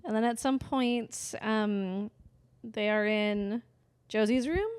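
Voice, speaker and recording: A woman co-host chats casually about a film, giggling often and chiming in with quick agreement. Her voice is pitched high. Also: a little mellow, clean tone. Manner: giggly, quick backchannel replies. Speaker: podcast co-host. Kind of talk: casual chat recapping a film.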